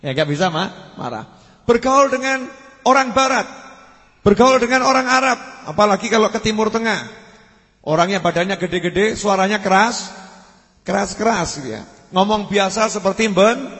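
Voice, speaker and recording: A man with a high voice preaches at an Islamic study gathering. He repeats key words and lets the ends of his phrases drop low. The long reverb of a large hall trails after each line. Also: lively intonation, normal speed, fairly bright tone.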